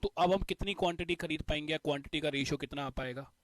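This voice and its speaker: A man's voice: a little high, fast, fairly bright tone, dry recording. A male teacher explaining a math concept step by step, repeating the key points. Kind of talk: exam-prep math lesson.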